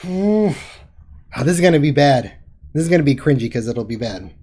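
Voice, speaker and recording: A woman's voice: low-pitched, very animated, moderate pace, mellow. A woman hosting a casual livestream, reading chat with wry remarks and casual swearing. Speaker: host.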